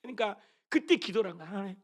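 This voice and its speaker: A middle-aged male pastor preaching a sermon, swinging from loud calls to hushed murmurs and often asking his congregation questions. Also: high-pitched, animated, very fast.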